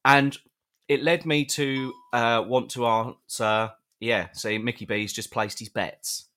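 A man's voice: mid-range voice, fairly even intonation, slow pace, fairly bright tone. A British man co-hosting a live podcast, chatting casually and playfully with listeners, often restarting his sentences. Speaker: podcast co-host.

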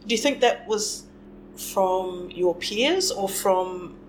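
A woman's voice: medium pitch, animated, slow pace. A woman in her late fifties co-hosting a podcast, asking probing questions. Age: 50s. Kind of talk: interviewing. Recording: clear background noise and hum.

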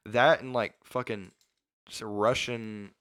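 A young man guesting on a casual podcast, speaking bluntly and swearing often. His voice sits somewhat low. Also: steady tone, slow, crowd noise. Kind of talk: casual chat.

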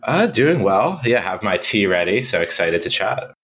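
A man's voice: lowish voice, big pitch swings, normal speed, a bit bright. A young man, a startup founder, answering interview questions in an easygoing, conversational way. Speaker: startup CEO guest. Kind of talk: casual interview.

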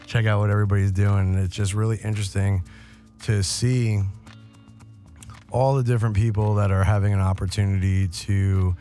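A man's voice: deep voice, dark tone. A man from New York hosting a casual radio interview, rambling and hesitant but agreeable as he talks. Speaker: radio show host.

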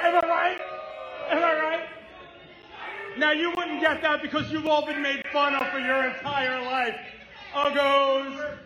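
A man cutting an arrogant wrestling promo, boasting and taunting a live audience at an indoor event. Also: extremely high pitch. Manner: boastful, shouting, taunting the crowd. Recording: echoey venue, loud crowd noise.

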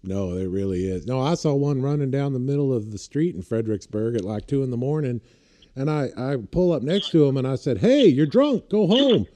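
A man's voice: mid-range voice, animated, fairly quick, warm tone. A man chatting casually, rambling through anecdotes and laughing at his own stories. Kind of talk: casual chat.

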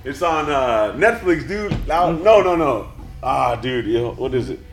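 A man's voice: medium pitch, animated, unhurried. A man co-hosting a podcast in casual chat, laid-back, swearing a lot and saying dude and bro. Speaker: podcast co-host.

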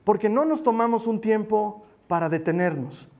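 High-voiced guy preaching, animated and emphatic, goes soft when he pleads. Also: normal speed. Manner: animated, emphatic, often playful with acted asides; drops to soft pleading at key points. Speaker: pastor. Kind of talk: sermon.

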